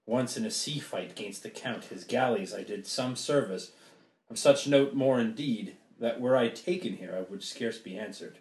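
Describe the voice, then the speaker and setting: A man voicing a wary, loyal sea captain in hiding in an amateur play reading, speaking low and hushed. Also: moderate pace, lightly acted. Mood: guarded. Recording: echoey room.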